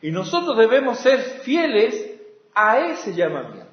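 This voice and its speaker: A male pastor preaching with passion, swinging from loud exclamations to hushed asides. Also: very high-pitched, wildly swooping pitch, unhurried. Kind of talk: sermon. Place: church sanctuary. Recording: echoey, dull lo-fi church recording.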